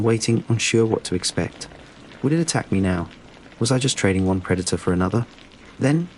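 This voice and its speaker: A man reading a scripted horror story in a steady, measured storytelling delivery. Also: fairly low pitch, slight background noise, rough recording. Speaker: narrator.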